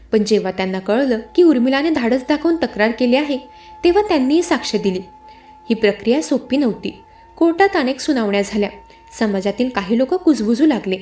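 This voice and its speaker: A woman's voice: on the high side, darkish tone. A woman telling a first-person story, voicing each character's lines herself.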